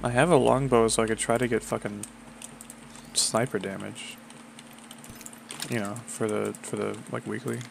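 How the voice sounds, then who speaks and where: A man's voice: fairly low pitch, fairly even intonation, moderate pace, gravelly, long pauses. A man chatting casually while playing a shooter game, crude and joking, laughing often. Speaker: streamer playing with a friend. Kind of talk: casual gaming chat. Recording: loud fan noise behind the mic.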